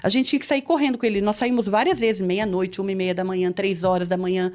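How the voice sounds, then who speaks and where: A woman's voice: mid-range voice, fairly even intonation, quick pace, darkish tone. A woman pastor with a Brazilian Portuguese accent tells a personal testimony with earnest feeling, her voice rising when she relives the tense moments.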